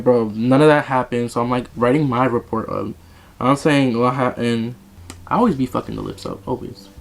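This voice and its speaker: A man's voice: medium pitch, a little hiss or hum. A young man vlogging, telling a dramatic, profane story in a casual way while he does his makeup.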